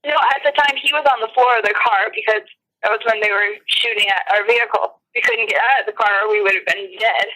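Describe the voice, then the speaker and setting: A woman's voice: medium pitch, steady tone, fast, sharp tone. A shaken woman giving an eyewitness account over the phone, rambling with many restarts. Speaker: eyewitness interviewee. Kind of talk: phone interview testimony. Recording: tinny phone line.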